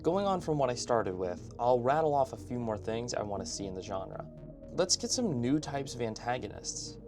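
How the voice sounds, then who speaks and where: A man narrates an online video essay as an opinionated host, his medium-pitched voice very animated at a normal speed. The scripted commentary stays informal and conversational, full of asides. Background music is clearly audible beneath him.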